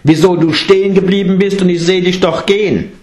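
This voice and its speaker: A man voicing a fierce, desperate young male bandit who shouts in a high, strained voice. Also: animated, normal speed, lightly acted. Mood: shouting.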